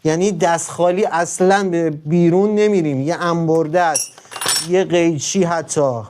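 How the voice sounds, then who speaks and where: A man on a live stream, talking straight to his viewers in an emphatic, repetitive way, swinging between loud urging and low murmuring. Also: steady tone, a little hiss or hum. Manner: emphatic, repeats words over and over.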